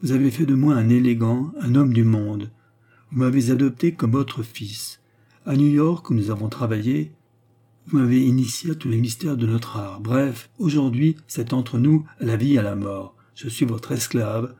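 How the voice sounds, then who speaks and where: A man voicing a polite young gentleman rogue who speaks in a deferential, composed way. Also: mid-range voice, normal speed, slightly rough. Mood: devoted.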